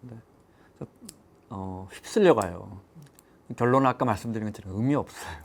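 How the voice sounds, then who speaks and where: Animated middle-aged Korean man telling stories. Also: fairly low pitch, moderate pace, gravelly. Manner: storytelling, animated quoting of others. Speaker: economics show panelist. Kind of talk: casual chat.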